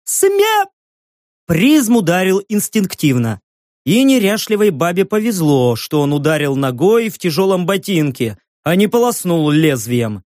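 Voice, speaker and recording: A woman reading an audiobook narration in a measured, expressive way. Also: fairly low pitch, dry recording, studio quality. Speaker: audiobook reader.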